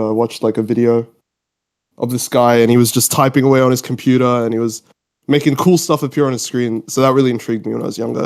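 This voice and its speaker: Young guy around 20 from australia via mauritius, mid pitch, rambly casual podcast chat. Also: creaky, darkish tone. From Australia, born in Mauritius, lived in UK. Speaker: podcast guest.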